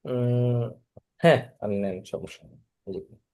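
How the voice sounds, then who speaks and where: A man's voice: mid-range voice, normal speed, mellow, smooth. A man teaching German verb conjugation in an online class, patiently repeating each form and asking students to respond.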